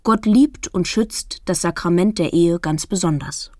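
A woman voicing a solemn male priest who preaches in a measured, formal way. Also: lowish voice, mellow, no room sound, clean studio sound, lightly acted.

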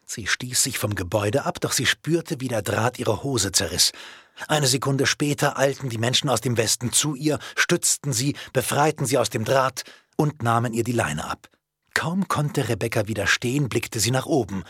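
A man reading a thriller novel aloud as an audiobook narrator, with tense dramatic delivery that drops to hushed tones. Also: mid-range voice, moderate pace, slightly rough, dry recording, studio quality.

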